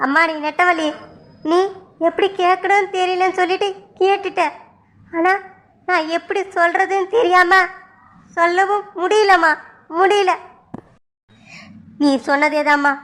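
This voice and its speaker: A woman voicing a loving widowed father in a village cartoon, who coaxes gently and repeats himself. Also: extremely high pitch, fairly even intonation, a little slow, long pauses. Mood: pleading. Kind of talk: cartoon voice acting.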